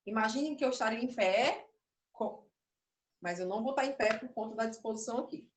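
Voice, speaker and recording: She teaches puppetry online in a fairly high, slightly fast voice, explaining and demonstrating with some self-interruption and a hint of nervousness. A little hiss or hum sits under the audio, and the room is echoey with her voice distant.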